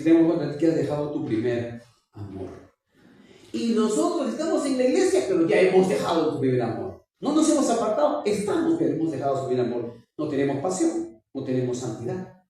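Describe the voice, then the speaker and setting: A man's voice: on the high side, mellow. Man, pastor, sermon, emphatic, repeats phrases, echoey church hall, distant mic.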